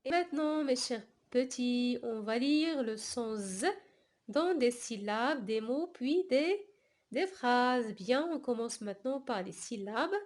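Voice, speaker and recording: Slow, high-voiced woman teaching a reading lesson. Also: animated, darkish tone. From Morocco. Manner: slow, deliberate, repeating each sound and word. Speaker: primary school teacher. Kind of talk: reading lesson for young children.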